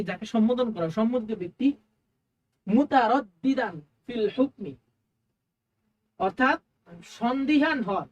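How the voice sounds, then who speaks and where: Higher-pitched woman teaching. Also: lo-fi sound. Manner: explains Arabic terms line by line in Bengali, asks and answers her own questions; slows down and drawls when reciting Arabic phrases. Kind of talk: exam-prep lecture.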